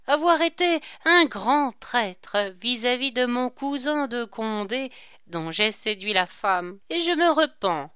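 A woman reading aloud and voicing a sly, quick-witted male court jester with a mocking, theatrical manner. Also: a little high, expressive, pushed and bright, smooth, no room sound, clean studio sound, voice pushed up, full character voice. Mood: mock pleading. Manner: mocking, theatrical whispers and mock pleading.

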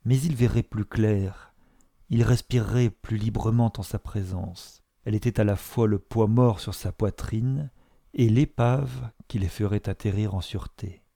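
A man reading a classic novel aloud in a measured, literary way. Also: on the low side, steady tone, vocal fry, mellow, no room sound, clean studio sound. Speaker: narrator. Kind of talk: audiobook narration.

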